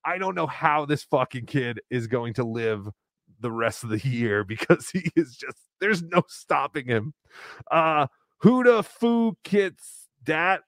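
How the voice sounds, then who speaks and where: Co-hosting a livestream, a man reads out donations and chats loosely, swearing and laughing as he talks. His voice is on the high side, animated and fairly bright, with a slow pace. The recording is dry.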